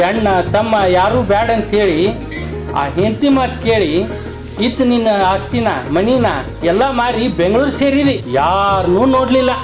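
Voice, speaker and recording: A man plays a moralizing village elder who admonishes, his voice fairly high for a man. Music runs under his lines. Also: close to an everyday voice, rough recording. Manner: preachy, admonishing.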